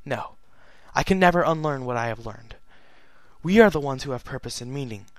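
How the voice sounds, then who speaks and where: A man's voice: mid-range voice, animated, a little fast, no room sound, natural voice. A man voicing a regal, sorrowful immortal pony princess, reading her letter in a solemn, earnest way. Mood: solemn, wistful. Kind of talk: fan fiction reading.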